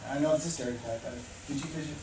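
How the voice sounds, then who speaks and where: A man's voice: on the high side, rapid-fire. A man giving a passionate motivational talk to new teachers, telling stories and building to emphatic peaks. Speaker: teacher orientation speaker. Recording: echoey room, speaker far from mic, noisy.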